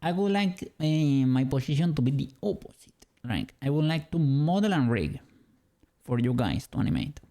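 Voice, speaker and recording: Very animated and fairly high-pitched, with a mellow tone and moderate pace, this man from Spain speaks with a Spanish accent. He's a streamer and 3D rigger, casually musing and laughing with viewers while he animates.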